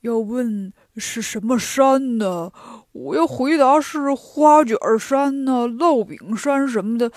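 A woman doing a whiny, gruff lazy pig-demon. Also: on the high side, takes it slowly, no echo, clean studio sound. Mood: scheming. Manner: whiny, grumbling, loud and gruff. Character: boastful lazy greedy male pig-demon disciple. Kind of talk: children's storytelling.

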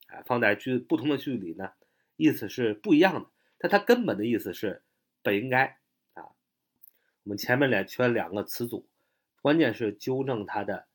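A man teaching English phrases to Chinese-speaking learners, spelling words out letter by letter and repeating example sentences slowly, with frequent drawn-out "ah" fillers. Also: medium pitch. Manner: fills pauses with a drawn-out "ah". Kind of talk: online language lesson.

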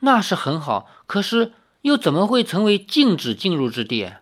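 A man's voice: sits high, huge pitch swings, normal speed, voice pushed up, heavily acted. A man reading a novel aloud who voices an easygoing young swordsman, casual and offhand.

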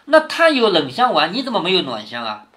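A man reading as a sharp-tongued teasing young lady. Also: sits high, huge pitch swings, brisk, full character voice. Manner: mocking, playfully scolding.

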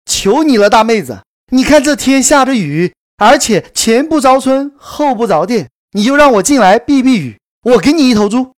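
A woman's voice: on the high side, lively intonation, normal speed, hardly any pauses, lightly acted. A woman reading the lines of a wheedling middle-aged male peasant who bargains with his pigs.

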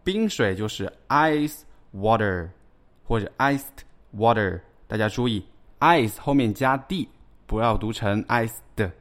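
A man's voice: medium pitch, fairly bright tone. A man teaching English vocabulary in a scripted lesson, repeating each word carefully.

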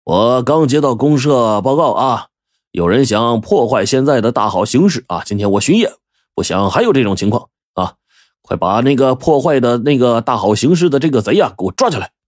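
A man's voice: mid-range voice, animated, a little fast, no echo, clean studio sound, close to an everyday voice. A man voicing a scheming, ruthless male village militia captain who talks in a drawling, officious and menacing way.

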